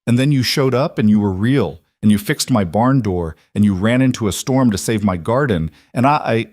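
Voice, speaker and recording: A man voicing a guarded lonely frontier woman, soft and halting. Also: fairly low pitch, animated, no echo, clean studio sound, close to an everyday voice. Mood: tender.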